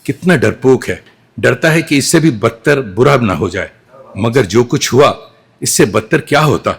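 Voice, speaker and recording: A man's voice: mid-range voice, animated, gravelly, breathy edge. A man playing a devoted, anxious young mother. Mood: weary reflective. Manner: emotional, tender monologue that shifts to pleading. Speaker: solo stage actor. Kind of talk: solo stage monologue. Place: restaurant event hall in Doha, live performance.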